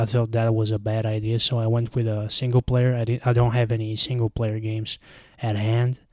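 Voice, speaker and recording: Speaking into a handheld microphone right by his mouth, a young man with a Bulgarian accent chats loosely on a home live stream, hesitating and leaning on fillers as he rambles. His voice is mid-range and warm, with no room sound at all.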